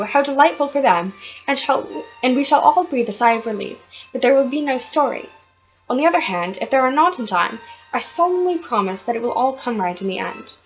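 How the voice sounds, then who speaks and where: A woman reading a children's book aloud with expressive delivery and occasional stumbles. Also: high voice, dull audio.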